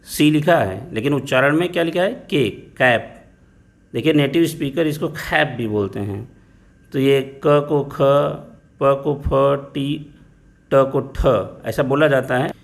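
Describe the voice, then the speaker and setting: A man teaching pronunciation, explaining each letter and its sound slowly and patiently. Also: mid-range voice, creaky. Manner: slow, patient, spelling out letters and sounds one by one. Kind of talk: explaining phonetics lesson.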